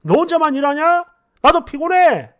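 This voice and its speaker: A woman doing a shouting, scornful young boyfriend. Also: sits high, sing-song, normal speed, dull audio, voice pushed up. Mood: angry yelling. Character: irritated young adult man, short-tempered boyfriend. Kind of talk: storytelling with put-on voices.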